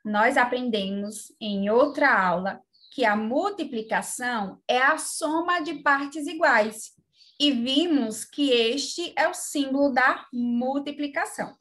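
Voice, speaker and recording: Brazilian woman, primary teacher; high voice, unhurried, calm step-by-step explaining. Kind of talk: remote lesson for young children.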